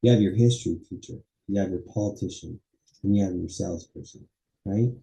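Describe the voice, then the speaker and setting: A man teaching a college public speaking class, lecturing casually and acting out quick everyday dialogue as examples. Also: deep voice, creaky, mellow, poor audio. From Los Angeles area. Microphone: webcam or computer mic while presenting slides.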